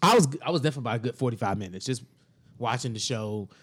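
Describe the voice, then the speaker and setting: A man's voice: mid-range voice, animated, racing, breathy edge. A man on a casual podcast telling a story, acting out both sides of it with lots of drama.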